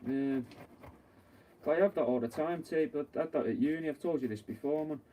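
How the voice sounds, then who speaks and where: Young bloke swearing casually, mellow voice, sounds far from the mic with a little noise behind. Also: male voice, a little high, brisk. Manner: blunt, sweary, rambling storytelling. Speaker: taxidermist. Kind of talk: casual chat while working. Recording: distant mic with faint background noise.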